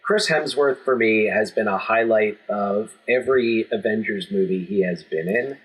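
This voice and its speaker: A man's voice: fairly low pitch, moderate pace, breathy edge, poor audio. A man co-hosting a podcast, talking in a rambling, joking way with many restarts and fillers. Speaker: podcast co-host. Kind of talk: casual chat.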